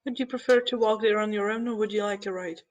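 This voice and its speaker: A woman's voice: mid-range voice, fairly even intonation, quick pace, lightly acted, poor audio. A woman playing a polite robot chauffeur in a tabletop game, formal, courteous and precise.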